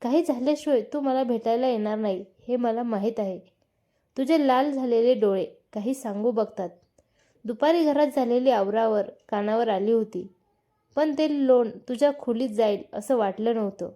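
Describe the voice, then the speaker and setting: A grave, kindly old father-in-law who gives slow, serious advice, as a woman reads him out. The voice is warm and mellow. He is heard in a spoken storybook. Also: on the high side, natural voice. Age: older.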